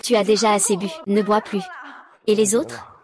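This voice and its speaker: A woman reading all the parts of a dubbed drama recap in one flat, even voice. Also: medium pitch, moderate pace, a crowd in the background.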